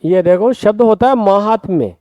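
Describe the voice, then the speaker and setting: A man with a very high voice teaches a Hindi grammar lesson in a Rajasthani accent, spelling out words slowly and repeating them. His tone is smooth and resonant, recorded dry and close with no room sound. He keeps turning to his students with quick questions. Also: dry recording, lo-fi sound. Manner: often asks the class quick questions.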